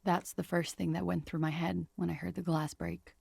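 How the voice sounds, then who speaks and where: An actress voicing a frightened, guarded young woman who speaks in a measured, weary confessional manner in a video game. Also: lowish voice, little pitch movement, vocal fry, a little mellow, breathy edge, no room sound, heavily acted.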